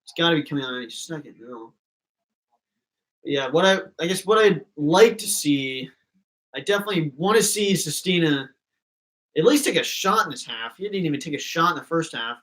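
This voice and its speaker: A man's voice: a little high, lively intonation, normal speed, a bit bright, poor audio. A young man hosting a live fan reaction stream, chatting casually and rambling between thoughts.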